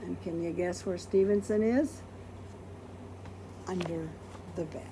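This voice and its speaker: Reading a children's picture book aloud, a woman uses a lowish voice and a slow pace against a noisy background. She performs the quoted lines with expression and poses questions to her listeners.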